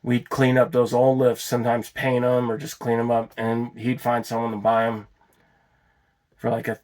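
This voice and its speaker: A man's voice: medium pitch, darkish tone. A man telling a long personal story off the cuff, rambling, restarting and swearing as he goes. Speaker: vlogger telling his story.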